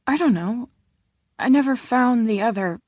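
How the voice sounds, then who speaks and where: A woman narrator voicing Letha, an earnest young woman who talks in halting, animated bursts. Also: on the high side, no echo, studio quality, pitched above the performer's own voice. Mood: unsure.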